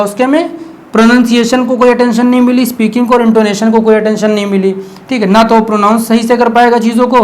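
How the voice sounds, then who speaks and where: A man teaching an exam-prep class at a brisk, rapid clip. His voice sits high for a man. He keeps the lesson casual, answers his own questions and checks in with a steady "okay?". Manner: explains by asking himself questions, keeps adding "okay?"; relaxed, conversational teaching tone.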